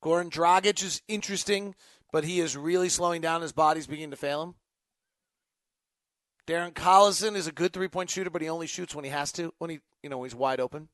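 Fast and a bit bright, a slightly high male voice comes through with no echo. He's a sports podcast host on an unscripted show, fielding fan questions about basketball while thinking out loud in short, emphatic bursts.

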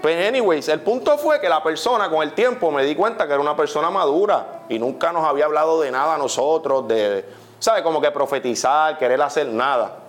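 A young man with a Puerto Rican accent preaching a testimony sermon, animated, often saying "literally" and putting questions to his listeners. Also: fairly high pitch, fairly quick, soft background music. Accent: Puerto Rican Spanish.

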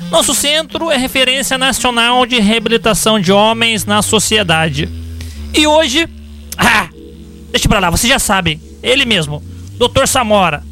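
A man voicing a brisk, impatient woman presenter with a Brazilian accent in a comedy radio sketch. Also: very high voice, expressive, sharp tone, faint music behind, exaggerated voice.

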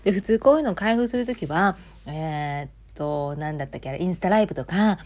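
A woman's voice: fairly low pitch, expressive, fast, a little mellow. A woman with a Kansai accent hosting her own audio show, chatting casually in a rambling way with many fillers and asides. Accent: Kansai Japanese. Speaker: podcast host. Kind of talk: casual solo chat.

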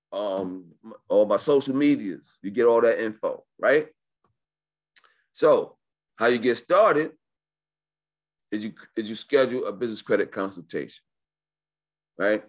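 A man giving a casual, slangy live webinar sales pitch in the manner of a home shopping host, pushing deals and often checking in with the listener. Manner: informal and slangy, often checking in with right and okay. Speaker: business credit coach hosting a sales webinar.

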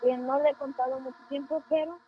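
A thirteen-year-old boy calling in to a live podcast, telling a personal story quietly and a little hesitantly. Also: extremely high pitch, level tone, brisk, faint music behind. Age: teens. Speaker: caller. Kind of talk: telling a personal anecdote by phone. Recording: dry narrow phone line.

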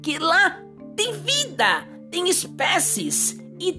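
Jolly pirate host for children's story podcast, played by a woman: high, very animated, sing-song, friendly. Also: slow, soft background music, full character voice. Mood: cheerful. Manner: exaggerated, sing-song, addressing little listeners.

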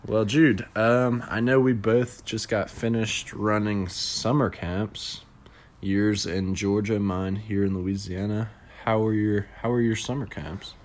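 Taking things slowly and keeping a steady tone, this young podcast co-host has a lowish voice. The conversation is casual, and he's relaxed, laughs frequently, and leans on many fillers.

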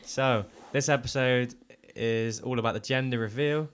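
A man in his twenties co-hosting a podcast in casual chat, easygoing and trailing off softly at the ends of phrases. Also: medium pitch, fairly even intonation, moderate pace, slight background noise. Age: 20s. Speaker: podcast co-host.

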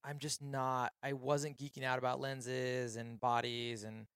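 A young man on a podcast swaps stories in casual chat and acts out the lines of the people in them. His voice is recorded close and dry, with a middle pitch. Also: clean tone, dry recording. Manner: animated storyteller, quick acted-out quotes.

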